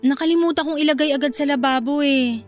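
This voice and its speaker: Brief: actress as a desperate, meek mother in a radio play; high-pitched and apologetic. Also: quick pace, faint music behind, lightly acted. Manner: meek and apologetic, then crying and shouting. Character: desperate mother working as assistant, pleading. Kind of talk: radio drama acting.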